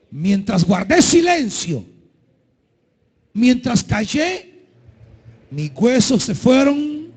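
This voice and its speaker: A man preaching a sermon as pastor, impassioned, swinging between shouted pleas and low, quiet lines. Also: breathy edge. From El Salvador.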